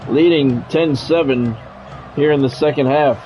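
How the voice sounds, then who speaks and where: A man with a dark, medium-pitched voice talks a little slowly, narrating a football video game play by play on a live stream and grumbling plainly in between. Soft music plays behind him, and the audio is poor.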